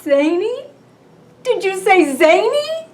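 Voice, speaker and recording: A woman's voice: very high voice, very animated, slow pace, full character voice, poor audio. An older woman playing a blunt, long-married wife who teases her husband in a dry way. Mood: teasing. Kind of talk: film drama acting.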